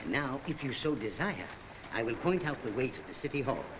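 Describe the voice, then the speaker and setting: An actor playing a gracious, ceremonious host with courtly formal speech in a 1930s comedy film. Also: male voice, mid-range voice, big pitch swings, brisk, background noise, lightly acted.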